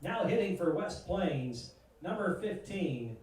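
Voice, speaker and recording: A man announcing batters over a loudspeaker at a baseball field, calling names and numbers slowly and formally. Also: big pitch swings. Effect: booming over a loudspeaker. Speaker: ballpark public address announcer. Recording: echoey, distant loudspeaker across a ballfield.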